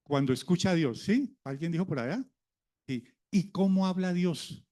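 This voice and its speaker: A man's voice: high voice, normal speed, dark tone. A man preaching a sermon, a pastor who talks in a conversational way and keeps asking the congregation questions.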